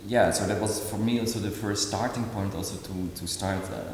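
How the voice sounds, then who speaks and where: An Indonesian-born artist in his forties speaks in an interview, halting with many fillers and restarts. His voice is on the low side and steady, recorded in an echoey hall with faint noise.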